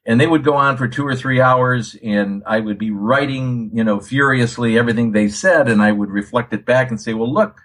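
A man's voice: mid-range voice, a little fast, few pauses, a bit bright. A man, a guest telling stories about his career with plenty of "uh" and repeated words. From United States. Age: 60s. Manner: storytelling, with frequent "uh" and repeated words. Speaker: guest, consultant. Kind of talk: casual interview.

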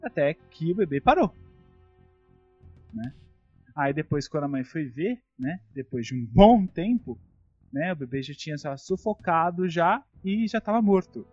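A Brazilian man hosts a casual chat, a bit high-pitched and husky, swearing as he tells stories with indignation. The recording is dull and lo-fi. Faint music plays underneath. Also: very animated, unhurried, a little mellow, no echo. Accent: Brazilian Portuguese. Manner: profane, indignant storytelling. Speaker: podcast host.

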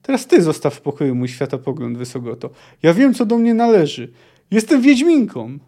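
A man's voice: a little high, sing-song, a little fast, dark tone. A man voicing a fierce, vengeful young female witcher as he reads aloud from a fantasy novel, clipped and scornful in delivery. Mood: bitter defiance.

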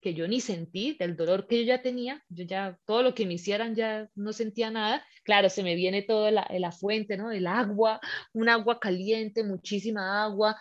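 A woman telling a personal story in casual chat, animated and acting out the scenes with her voice. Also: medium pitch, normal speed. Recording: slightly muffled lo-fi recording.

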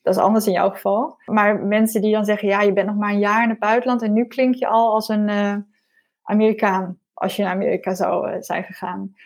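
A woman's voice: mid-range voice, level tone, brisk, a little mellow. A woman language researcher explaining her findings in an interview, thoughtful and a little hesitant.

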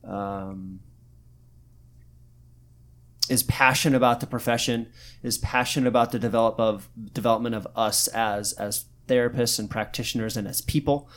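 A man's voice: medium pitch, steady tone, a little fast. A man from Arizona co-hosting a casual podcast, talking loosely with many fillers and restarts. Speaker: podcast co-host, physical therapist.

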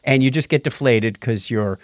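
A podcast co-host talks casually and playfully, telling stories and reading out listener comments. His mid-range voice moves at a moderate pace, recorded dry with clean studio sound.

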